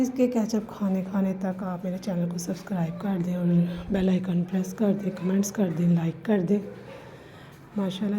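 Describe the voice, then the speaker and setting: A woman's voice: medium pitch, warm tone. Chatty woman vlogging her day. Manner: chatty, homely, addresses viewers as "ji". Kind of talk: casual vlog voice-over. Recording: slightly dull lo-fi recording with faint ambience. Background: faint household noise.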